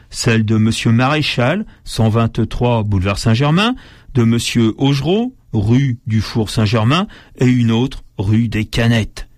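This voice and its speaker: A man's voice: medium pitch, a little mellow, dry recording, clean studio sound. A man reading aloud from old newspapers and breaking off to comment, with many fillers and restarts. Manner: hesitant, many fillers and restarts between read passages.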